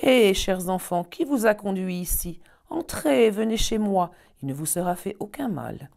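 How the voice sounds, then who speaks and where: A woman's voice: medium pitch, animated, measured pace, vocal fry, darkish tone, voice pushed up. A woman voicing a wicked old witch who eats children, who coaxes sweetly and then barks orders. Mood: coaxing. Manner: wheedling, then barking orders.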